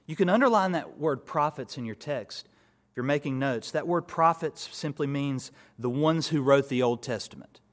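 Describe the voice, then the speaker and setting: A man's voice: on the high side, normal speed. Man preaching with emphatic rises. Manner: expository preaching with rising emphatic peaks and soft asides. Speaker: pastor. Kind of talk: sermon.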